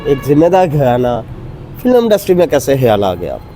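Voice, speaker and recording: A man's voice: medium pitch, sing-song, fairly quick, warm tone, faint music behind. A Pakistani man hosting an interview, asking short prompting questions in a casual tone. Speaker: interview host.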